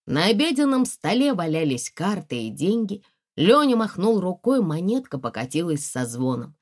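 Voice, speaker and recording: A woman reading a story aloud in an expressive storytelling way. Her voice sits low but moves with lively swings of pitch. She narrates in steady audiobook style. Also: moderate pace.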